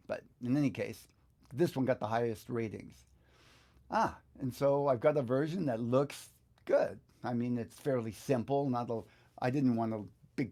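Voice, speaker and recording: A middle-aged guitar instructor hosts an informal, step-by-step screen tutorial, thinking aloud conversationally as he teaches. His voice is medium in pitch with a dark tone.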